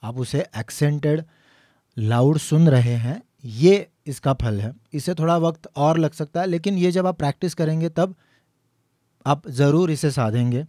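A man teaching piano, explaining each step patiently and slowly singing the note names as he plays. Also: on the high side, dark tone, no room sound, studio quality. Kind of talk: instructional lesson.

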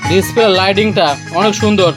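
A man's brisk, steady, high-sitting voice carries a Bangladeshi accent as he shows off a music player in his electronics shop. His casual demonstration is hands-on and repetitive, with the player's music audible in the background.

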